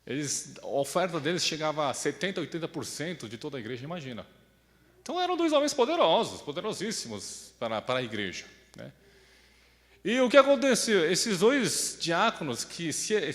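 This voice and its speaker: Animated preacher, echoey hall. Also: male voice, on the high side, normal speed. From Brazil. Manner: conversational preaching, often asks "né?" and acts out quoted voices. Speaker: pastor. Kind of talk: sermon with personal story.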